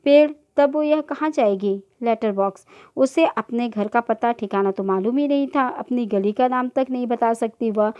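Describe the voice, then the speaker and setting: A woman's voice: fairly high pitch, darkish tone. A woman teacher reading a children's play aloud to a class, voicing each character's lines in turn. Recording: dull lo-fi recording.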